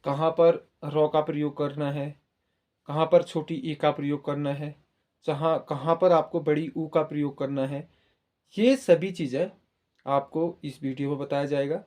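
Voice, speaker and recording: A man's voice: a little high, steady tone, a little slow, darkish tone. A man teaching a grammar lesson to students, patiently repeating points and speaking straight to the listeners. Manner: patient, repetitive, addresses listeners directly. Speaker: Hindi teacher.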